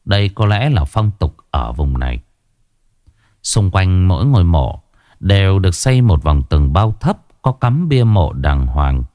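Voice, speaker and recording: A man narrating a ghost story in a lively, expressive way. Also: deep voice, unhurried, no room sound, studio quality. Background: faint background music.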